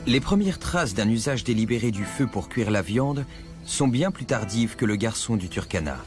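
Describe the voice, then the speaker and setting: A man narrating a scripted nature documentary in a measured, explanatory storytelling manner. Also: on the low side, expressive. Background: music.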